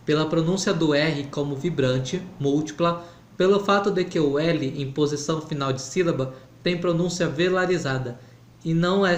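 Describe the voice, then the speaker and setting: Man, careful halting read-aloud, raised pitch, roomy echo. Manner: slow, halting reading with restarts. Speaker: reader of an academic text. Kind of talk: slow read-aloud of an academic text. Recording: echoey room.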